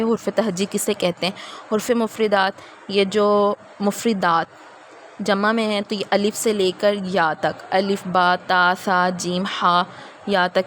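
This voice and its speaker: A woman with a Pakistani Urdu accent teaching a Quran recitation lesson, repeating points and drawing out each letter slowly. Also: mid-range voice, slight background noise. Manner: slow, drawn-out letter pronunciation and repetition.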